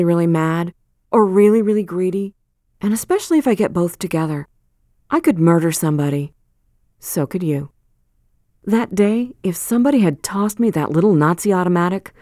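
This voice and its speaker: Expressive woman reading book excerpts. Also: on the low side, no echo, clean studio sound. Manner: expressive, with dramatic swings in emphasis. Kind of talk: audiobook reading.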